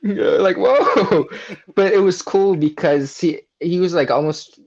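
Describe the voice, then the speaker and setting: A man speaks as a podcast guest in a loose, rambling way, laughing often as he recalls scenes. His voice sits a little high. The audio sounds slightly dull and muffled. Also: normal speed, a crowd in the background. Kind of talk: casual movie review chat.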